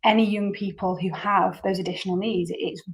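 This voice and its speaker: A podcast host introduces her guest in a casual interview chat, earnest and rambling, repeating many words. She speaks fairly quickly, her medium-pitched voice holding a steady tone.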